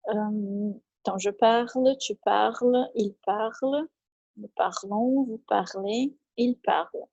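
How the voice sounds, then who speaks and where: A woman teacher speaks slowly and patiently, repeating each step and checking with her students. Her voice is dark and gravelly with a husky edge. The recording is dull and lo-fi, from a computer mic during an online class. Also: medium pitch, dry recording. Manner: patient, repeats and checks understanding with tag questions. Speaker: French teacher. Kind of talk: online class, explaining conjugations.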